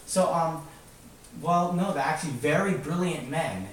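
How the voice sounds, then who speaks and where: Here the man's voice sits on the high side and he takes his time, giving children an informal lesson built around questions. He keeps things simple and asks again and again; the audio is echoey, faintly noisy, and picked up from afar.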